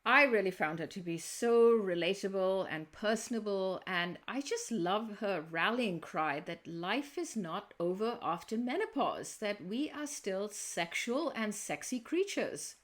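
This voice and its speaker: A woman's voice: medium pitch, expressive, measured pace, few pauses. A woman hosting a podcast, chatting in an upbeat way and promoting a book. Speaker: podcast host.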